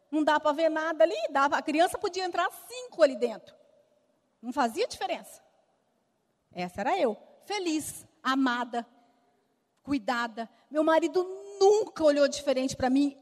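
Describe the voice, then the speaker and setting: A middle-aged woman with a Brazilian Portuguese accent sharing a personal testimony with lively storytelling and acted-out dialogue, in a church hall. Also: high-pitched. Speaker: speaker giving a testimony. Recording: long reverb of a large hall.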